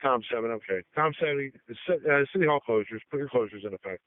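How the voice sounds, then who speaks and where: Fast-talking police supervisor on tinny radio, male. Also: medium pitch, animated. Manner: brisk, directive. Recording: tinny narrow-band police radio audio.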